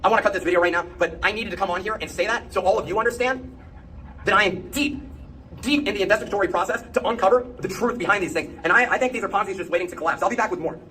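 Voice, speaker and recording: A man ranting indignantly in a video commentary, played back sped up so his voice sounds high and chipmunk-like. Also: racing, bright, forceful tone, slight background noise. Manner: indignant, emphatic. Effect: sped-up playback, high chipmunk-like pitch. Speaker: crypto influencer.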